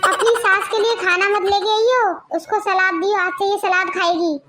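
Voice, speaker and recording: A woman's voice: very high voice, fairly even intonation, normal speed, bright, forceful tone, faint music behind. A woman voicing a bossy older aunt who is stern but caring, scolding and domineering in a family drama.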